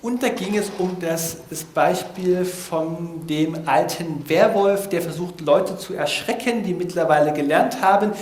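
Guy going over vocab notes, kinda high voice, loose and hesitant, roomy echo. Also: unhurried, few pauses, slight background noise. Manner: loose, thinking aloud with frequent hesitations. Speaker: language learner presenting vocabulary notes. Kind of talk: informal explaining of vocabulary. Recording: echoey room.

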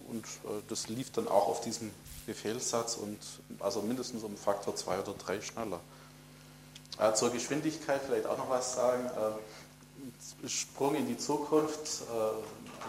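A man's voice: mid-range voice, roomy sound, a little hiss or hum. A man in his fifties chatting about old computers, eager and stumbling over his words. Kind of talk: casual retro computing chat.

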